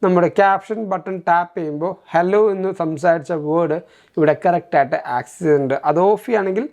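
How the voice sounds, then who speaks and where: This man speaks fast, with a high, somewhat mellow voice and a Malayali accent. As a tech reviewer hosting a walkthrough, he narrates in a scripted-feeling, step-by-step manner, slipping English terms into his explanations.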